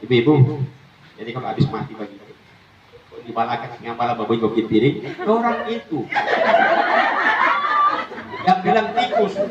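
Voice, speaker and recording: A man giving a humorous condolence sermon, acting out voices with high squeals and laughing often. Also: very animated, a little fast, a loud crowd, very noisy. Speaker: preacher at a memorial gathering. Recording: echoey hall, distant, muffled mic.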